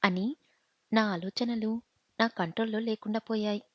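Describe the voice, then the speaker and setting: A woman's voice: mid-range voice, steady tone, moderate pace, no room sound. Woman telling a story, dull dry audio. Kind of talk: first-person audiobook narration.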